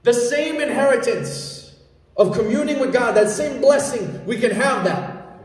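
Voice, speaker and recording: A man in his thirties delivers a fervent sermon with a notably high voice, rising to shouts at its climaxes. He speaks into a handheld mic in a large church hall. The sound is distant and heavily echoing, with a long reverb trailing his words. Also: animated, measured pace. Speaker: preacher. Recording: echoey hall, from far off.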